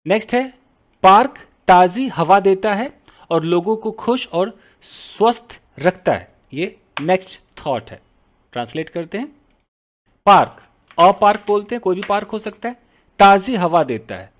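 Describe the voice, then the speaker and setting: Lively high-voiced male teacher. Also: unhurried. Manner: explains step by step, repeating phrases while typing. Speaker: English teacher. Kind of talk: Hindi-medium writing lesson, translating sentences.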